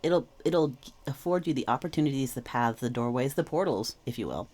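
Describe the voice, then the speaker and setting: Speaking with an extremely low pitch and a darkish tone, a woman delivers an animated, fairly quick tarot reading for her channel's viewers. She sounds sick, slightly wheezy and clearing her throat, but her explanations stay casual, reflective and reassuring.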